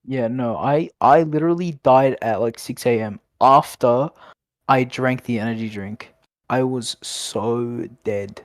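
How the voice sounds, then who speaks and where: This is a young man with an Australian accent chatting late at night on a podcast, loose and rambling and quick to laugh. His voice sits at an ordinary middle pitch, and the close mic sounds dry with no room around it. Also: dry recording. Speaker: podcast co-host. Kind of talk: casual late-night chat.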